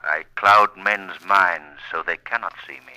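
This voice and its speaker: An invisible avenger in a vintage radio crime drama. His voice is fairly deep and very sharp, with hard, forceful edges. He speaks deliberately and theatrically, with calm command. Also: dry recording, full character voice, poor audio. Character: the Shadow, commanding invisible male crime fighter, calmly reassuring. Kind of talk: old-time radio crime drama acting.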